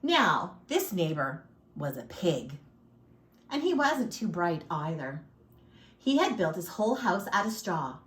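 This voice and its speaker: A woman pushes her fairly low voice down to play a male wolf, speaking very animatedly and without hurry. It's a storybook read-aloud in an echoey room, where the chatty, self-pitying wolf gives his side of the story with sly, aggrieved, folksy theatrics and showy sneezes.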